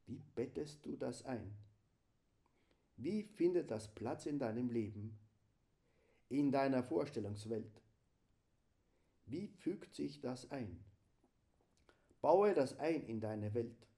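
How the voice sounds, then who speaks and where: A man delivering a slow, solemn spiritual meditation, often sinking into a hushed whisper. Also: mid-range voice, expressive. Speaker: preacher.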